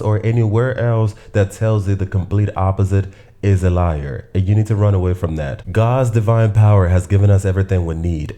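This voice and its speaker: A man from Nigeria, hosting his own show, delivering an earnest, preacher-like spiritual monologue with long rhythmic lists and slow, drawn-out emphasis on key phrases. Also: on the low side, warm tone. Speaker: host.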